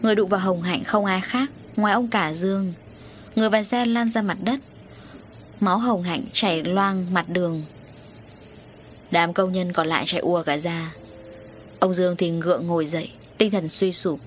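A woman's voice: fairly low pitch, moderate pace, pauses often, a little hiss or hum. Woman narrating a dramatic story.

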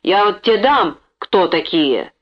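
A woman voicing a drunk, violent young male bandit who snarls and shouts threats. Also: mid-range voice, expressive, takes it slowly. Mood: menacing. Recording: dull lo-fi recording.

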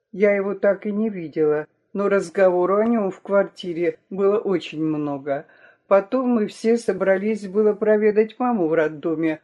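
A man with a fairly high voice reads letters aloud on a broadcast. His delivery is measured and steady. The tone of his voice is dark and mellow rather than bright.

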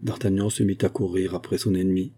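A man narrating a classic adventure novel as an audiobook, with a measured, dramatic delivery. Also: deep voice, flat delivery, mellow, breathy edge.

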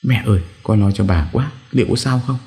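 A man voicing a gentle, worried young woman who speaks softly and pleadingly. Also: on the low side, brisk, voice pushed up, lightly acted. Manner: soft, pleading.

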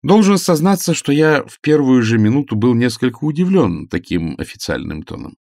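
A man narrating a humorous story as an audiobook, reading in an expressive literary manner. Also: mid-range voice, moderate pace, gravelly, no room sound, clean studio sound.

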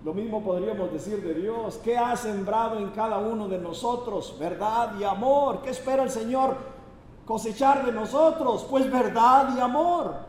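A man preaches an emphatic sermon full of rhetorical questions. His voice sits high for a man. The sound carries a long hall reverb, with faint noise underneath. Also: normal speed, distant mic.

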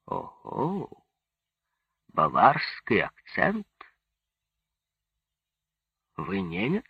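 A man's voice: mid-range voice, wildly swooping pitch, drawn-out words, husky, no room sound, voice pushed up, full character voice. A man voicing a gaunt, grey-haired old German general in a storybook reading, with a cold, mocking and clipped manner. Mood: surprised. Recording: dull lo-fi dry recording.

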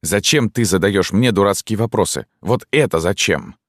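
Guy doing a snippy young woman, sarcastic, voice pushed up higher than his own, dry close sound. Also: lively intonation, normal speed, no echo. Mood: furious. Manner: sarcastic, biting. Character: sharp-tongued young woman, mocking and hot-tempered.

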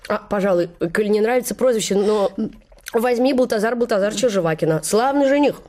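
A woman's voice: mid-range voice, a little fast, lightly acted. A woman playing a gossipy old matchmaker. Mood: gossiping. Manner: gossipy, animated, exclaiming, mimics others. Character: chatty older female matchmaker, bustling and flattering. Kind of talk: stage play acting.

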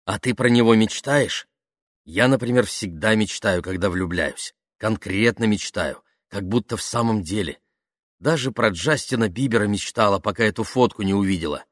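A man reading an audiobook, voicing a bold, gossipy teenage girl with a lively, blunt manner. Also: lowish voice, normal speed, dry recording, studio quality, lightly acted. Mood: eager.

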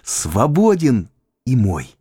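A man reading an audiobook, voicing an adoring, playful young woman in a lilting raised voice, soft and eager. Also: medium pitch, sing-song, normal speed, no echo, clean studio sound, pitched above the performer's own voice.

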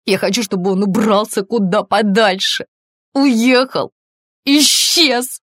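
A woman's voice: medium pitch, slow pace, a bit bright, dry recording, studio quality, voice pushed up. A woman reading an audiobook voices a distraught middle-aged woman who breaks into shrieking, sobbing outbursts under police questioning. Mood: hysterical shouting.

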